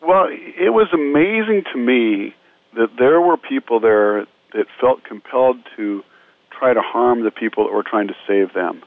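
A man's voice: medium pitch, lively intonation, a little slow, no room sound. Man on a tinny phone line. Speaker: disaster relief medical team member. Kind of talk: storytelling in a radio interview. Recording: narrow phone-line sound.

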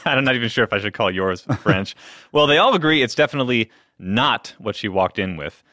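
A man's voice: medium pitch, animated, a little fast, pushed and bright, no room sound, studio quality. Punning male medical radio co-host. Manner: jokey, fond of puns. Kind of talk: scripted medical news banter.

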